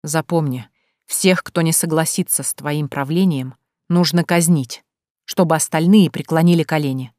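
A woman's voice: low voice, moderate pace, darkish tone, no echo, studio quality, natural voice. A woman voicing a ruthless older male clan father who speaks with fervent command.

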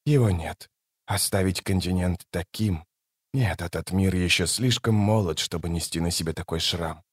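A man voicing a solemn elder god who speaks in low, heavy pronouncements, in an audiobook. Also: normal speed, husky, dry recording, studio quality. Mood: grave.

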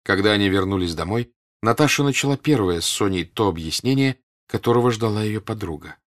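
A man giving a measured audiobook reading of a classic novel. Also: fairly low pitch, animated. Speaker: narrator.

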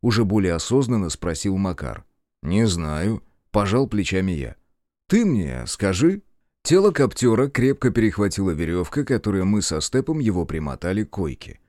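Low-voiced male narrator, lively delivery, dry close sound, first-person audiobook. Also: brisk, few pauses, dry recording.

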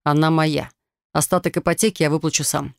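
A woman's voice: low-pitched, steady tone, brisk, gravelly, no room sound, clean studio sound. A woman reading an audiobook, voicing a cold, contemptuous husband who talks bluntly and scornfully. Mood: dismissive. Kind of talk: audiobook character voice.

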